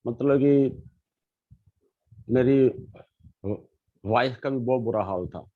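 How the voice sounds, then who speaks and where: A middle-aged man talks in a reflective, earnest way and often pauses and restarts mid-thought. His voice sits at an ordinary pitch. The recording is dull and lo-fi and has no room echo. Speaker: guest sharing his life story. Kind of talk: casual conversation. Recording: dull lo-fi sound.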